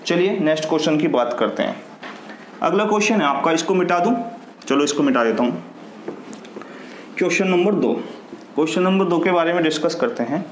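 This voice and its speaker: A man's voice: on the high side, lively intonation, a little fast, pauses often. Male maths teacher, Hindi accent, patient step-by-step explainer; roomy recording with faint hiss. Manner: explains step by step, asks and answers his own questions. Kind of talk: classroom lesson. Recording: echoey room with faint noise.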